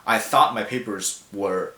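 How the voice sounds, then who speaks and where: In a hall full of echo, a young man from China, a native Mandarin speaker, delivers a personal talk to an audience. He has a fairly low pitch with a bright, forceful sound. His speech is thoughtful but halting, marked by fillers and self-corrections.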